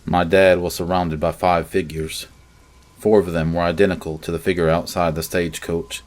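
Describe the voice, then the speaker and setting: A man narrating a scary story in the first person, with measured, dramatic storytelling. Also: low voice, level tone. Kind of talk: scripted horror story narration.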